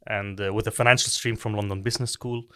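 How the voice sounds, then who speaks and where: A middle-aged man from Egypt speaks as a podcast guest, his voice sitting low. He explains step by step, restarting his phrases often. The sound is dry and close. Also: fairly even intonation, bright, forceful tone, dry recording. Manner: measured, explanatory, with repeated restarts. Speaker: guest, tech company co-founder. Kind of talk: podcast interview.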